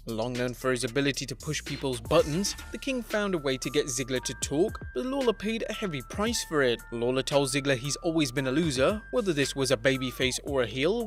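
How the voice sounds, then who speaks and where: A man giving a scripted countdown narration in a steady, wry delivery. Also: on the high side. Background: faint background music.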